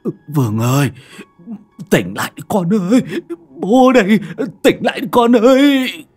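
A man's voice: high voice, sing-song, measured pace, darkish tone, pitched above the performer's own voice, heavily acted. A man voicing a desperate old father who pleads while sobbing. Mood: pleading.

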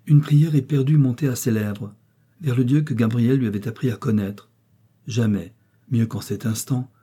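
A man reading a romantic novel aloud as an audiobook narrator, in a measured, expressive way. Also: fairly low pitch, slightly rough. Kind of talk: scripted narration.

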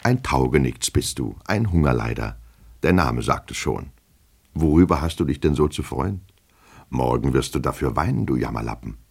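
A fussy, fretful middle-aged clerk, voiced by a male reader, coaxing softly and muttering to himself. The voice sits extremely low with a gravelly, husky edge. This is a classic novel read for radio. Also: animated, moderate pace, exaggerated voice. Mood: tipsy muttering.

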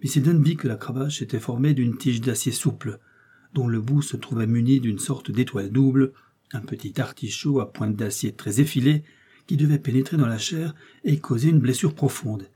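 A man narrating an old adventure novel in a steady, measured audiobook reading. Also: medium pitch, breathy edge.

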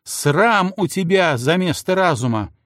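A man's voice: takes it slowly, vocal fry, slightly rough, no room sound, clean studio sound, exaggerated voice. A man voicing a furious jealous princess who screams insults at her husband. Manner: screaming insults, shrill and frantic. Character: furious jealous young princess, shrieking wife.

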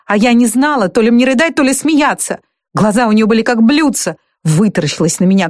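A woman reading an audiobook voices a scornful young wife, shrieking her lines in shrill, furious outbursts. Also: no echo, clean studio sound, lightly acted.

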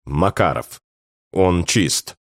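A man voicing a tired, restrained police investigator who speaks calmly and briefly. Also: deep voice, very slow, no echo, studio quality, full character voice.

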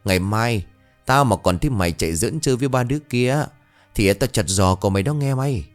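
A gruff rural mother scolds, her voice lifted above the narrator's own, put on by a man. Faint music plays beneath the storybook reading. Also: lowish voice, animated, a little fast, pitched above the performer's own voice, natural voice. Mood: scolding.

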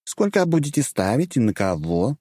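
A man's voice: mid-range voice, very animated, normal speed, warm tone, no room sound, studio quality, voice pushed up. A man voicing a mincing, fussy male arena bookmaker with an affected, sing-song manner. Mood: sly, affected.

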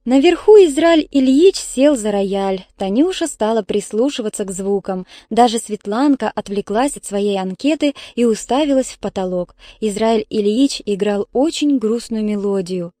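A woman's voice: mid-range voice, animated, moderate pace, few pauses, mellow, no room sound. A woman narrating a story as an audiobook reader, telling it evenly. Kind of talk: audiobook reading.

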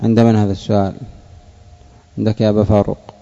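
A man teaching a classroom lesson, slow and deliberate, repeating key words and questioning his students. His voice is dark and gravelly. The recording is dull and lo-fi. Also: on the low side, level tone. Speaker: sheikh teaching Arabic morphology.

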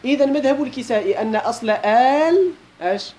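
A man's voice: extremely high pitch, expressive, a little fast, a little mellow. A man with a Moroccan accent teaching a classical Arabic grammar lesson, posing questions to his students and repeating key points, with colloquial asides.

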